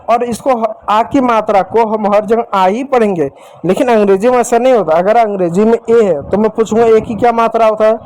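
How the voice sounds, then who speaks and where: High-voiced man teaching to children. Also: mellow. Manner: addresses children directly, repeats points, asks questions. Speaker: English teacher. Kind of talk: classroom-style lesson for children.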